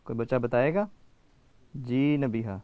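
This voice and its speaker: Man, children's show host, teaching quiz, patient, clear resonant voice, dry close sound. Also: mid-range voice, no echo, narrow, tinny audio. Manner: patient, calls on children by name.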